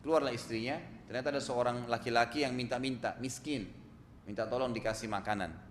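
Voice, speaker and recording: A male preacher giving an animated storytelling sermon, asking the audience rhetorical questions. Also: medium pitch, fairly quick, a little hiss or hum. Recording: echoey hall, faint ambience.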